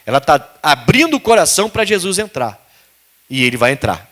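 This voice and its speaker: A male pastor delivers an animated sermon in a high, bright voice. His pitch swings widely as he calls out to the congregation. The delivery is energetic. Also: a little fast. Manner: animated preaching with call-outs to the congregation.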